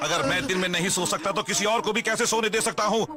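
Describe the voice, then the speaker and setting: A man voicing a vain, girl-crazy, easily offended talking owl in a dubbed animated series, dramatic, whiny and full of exclamations. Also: high voice, fast talker, loud music behind the voice, close to an everyday voice. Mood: indignant. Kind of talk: animated series dub acting.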